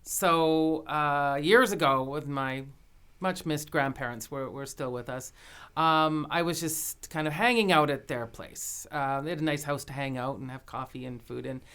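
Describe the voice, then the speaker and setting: A woman's voice: low-pitched, measured pace, smooth. A woman co-hosting a pop culture podcast, telling stories in casual chat with frequent laughter. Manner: laughing storyteller, lively. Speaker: podcast co-host.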